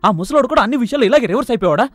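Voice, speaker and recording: The son, rapid pleading lines, soft music under. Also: male voice, very high voice, expressive. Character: young adult son, newly qualified officer. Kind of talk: film comedy dialogue.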